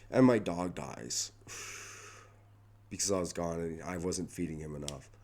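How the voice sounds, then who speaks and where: A young man rambling through a personal vlog update, halting and restarting often, his voice going hoarse. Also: deep voice, darkish tone. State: losing his voice. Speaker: vlogger.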